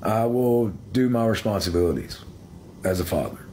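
Halting low-voiced man chatting live. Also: animated, warm tone, a little hiss or hum. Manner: halting, repeats himself, talks straight to viewers. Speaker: livestreamer answering viewers. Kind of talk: casual live chat. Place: small room indoors. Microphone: phone held close.

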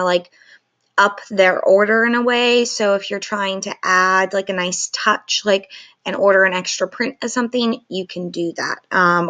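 A woman in her thirties with a sore throat gives a chatty, informal software walkthrough as a photographer. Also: mid-range voice. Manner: chatty, loose phrasing with many likes. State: sore throat, painful to talk. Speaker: photographer presenting a software tutorial. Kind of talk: casual walkthrough and review to camera. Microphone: screen recording with webcam.

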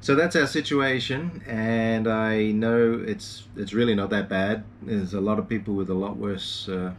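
Low-voiced man rambling casually on a boat. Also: a little slow, far from the mic, slight background noise. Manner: relaxed, rambling, with frequent ums and uhs. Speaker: sailing vlogger. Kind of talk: casual video update. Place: small boat cabin, indoors.

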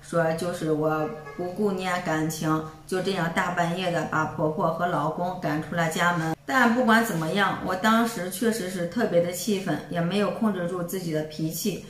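A woman's voice: fairly low pitch, moderate pace, hardly any pauses, distant mic, faint music behind. Woman telling a story in an echoey room. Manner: plain, conversational retelling. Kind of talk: first-person story narration.

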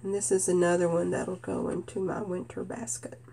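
A woman from Kentucky with a cold and a nasal voice, chatting gently about her stitching projects with many "uh" fillers. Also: on the low side, flat delivery, creaky, a little hiss or hum. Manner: gentle, unhurried, frequent "uh" fillers. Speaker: stitching vlogger. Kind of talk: casual show-and-tell chat.

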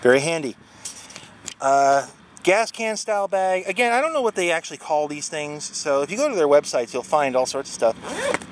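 A man's voice: on the high side, very animated, normal speed, slight background noise. A man in his forties from Wisconsin casually walking through his touring bike gear in one take, rambling with lots of fillers and self-corrections, filmed outdoors at a trailhead with a handheld camera at arm's length. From Wisconsin, USA. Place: outdoors at a trailhead parking area. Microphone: handheld action camera at arm's length.

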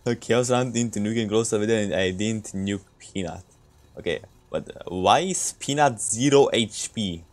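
A young Romanian man streams a game and chats casually with viewers, laid-back and joking with frequent laughs. His voice is lowish and his pace measured.

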